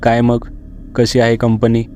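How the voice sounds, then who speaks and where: A man's voice: medium pitch, completely flat delivery, measured pace, warm tone, slight background noise, close to an everyday voice. A man voicing a laid-back, sly young male roommate in a storybook reading, talking casually.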